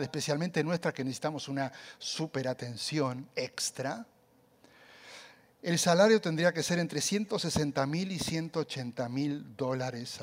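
Animated male preacher, fairly high voice. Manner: animated storytelling, acting out quotes with sudden loud cries and soft asides. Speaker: pastor. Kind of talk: sermon.

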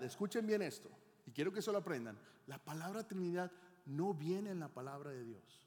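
A man's voice: high voice, darkish tone. A middle-aged male pastor preaching a teaching sermon, often asking the congregation questions. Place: church hall. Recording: long hall reverb.

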